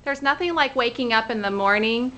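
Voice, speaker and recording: A woman's voice: a little high, brisk, bright, forceful tone. A woman in her thirties, a real estate agent, giving an upbeat room-by-room tour of a rental condo, filmed on a handheld camera. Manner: upbeat, pointing things out room by room. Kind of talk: walkthrough narration of a rental tour. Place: outdoors at a front door, then walking through an empty condo.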